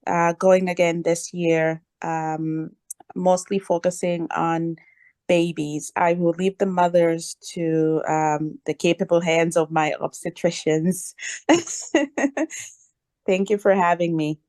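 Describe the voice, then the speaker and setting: A woman who is an internal medicine doctor and pediatrician, introducing herself on a video call in a measured, lightly amused way. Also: on the low side, darkish tone, no echo.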